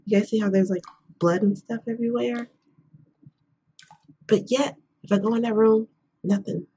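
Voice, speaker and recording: A young woman hosting a game playthrough in a quiet whisper, chatting casually as she plays. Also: fairly high pitch, steady tone, normal speed, slightly rough, highs cut off. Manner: whispering quietly, keeping voice hushed. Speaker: gaming video host. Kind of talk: whispered let's play commentary, casual chat. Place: indoors at home. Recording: noisy background, keyboard and mouse clicks.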